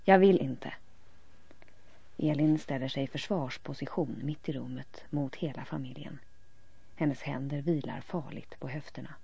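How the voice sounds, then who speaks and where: A woman narrating a story calmly, often trailing into soft whispers at the ends of lines. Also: extremely low pitch, creaky, slightly rough. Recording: dull lo-fi recording.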